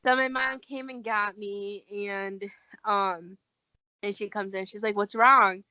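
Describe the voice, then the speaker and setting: A woman's voice: mid-range voice, unhurried, dry recording. Young woman telling a story, dry lo-fi sound. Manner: animated, acts out quoted dialogue. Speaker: guest. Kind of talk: casual storytelling. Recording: dull lo-fi recording.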